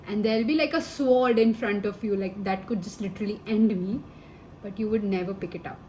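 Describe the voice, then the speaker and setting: A woman's voice: mid-range voice, fairly quick, darkish tone, slight background noise, poor audio. A woman giving a casual tarot reading to the viewer, affectionate and rambling, calling them babe and honey. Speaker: tarot reader.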